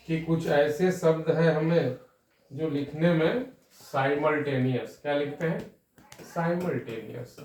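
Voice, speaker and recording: Slow-spelling male English teacher. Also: a little high, darkish tone, reverberant, far from the mic, a little hiss or hum. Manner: spells words letter by letter, slowly; frequent "theek hai na" check-ins. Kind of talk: spelling lesson.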